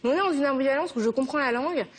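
A young woman from France, a guest in a TV interview, answering earnestly and quickly, thinking aloud as she goes. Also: high-pitched. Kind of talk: TV interview conversation.

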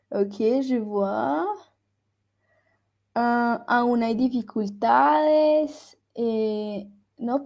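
A woman with a fairly high voice leads a French lesson, explaining in Spanish and switching back to French. She talks at an unhurried pace. She says tricky words over and over, so her students can hear each sound. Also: darkish tone. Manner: slow, repeats words to drill pronunciation. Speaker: French teacher. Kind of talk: online language lesson.

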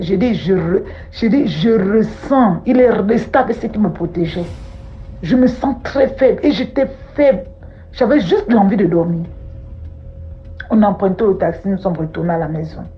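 A woman recounting a personal testimony, plainly told, rising high and urgent in distress. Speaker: testimony speaker. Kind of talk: personal testimony, spoken storytelling. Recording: dull lo-fi audio with faint music.

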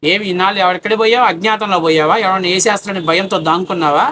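A man delivering an angry, abusive political rant, taunting his target with rapid rhetorical questions. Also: sits high, steady tone, sharp tone, a little hiss or hum. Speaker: political commentator.

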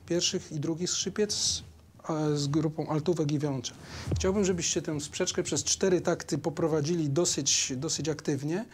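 A man's voice: on the high side, fairly even intonation, moderate pace, slight background noise. A man coaching a string orchestra in a rehearsal, speaking with hesitations and singing rhythms aloud. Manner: hesitant, sings rhythms and counts beats aloud. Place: rehearsal room with a string ensemble.

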